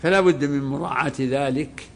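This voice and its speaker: A man who is a religious scholar, giving a classroom lesson that explains a legal text, deliberate and repeating phrases as he explains. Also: a little high, vocal fry.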